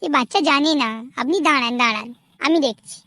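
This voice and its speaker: A woman's voice: sits high, quick pace, noisy background. A woman voicing a flustered interviewer at a shady business in a cartoon comedy, polite and stammering.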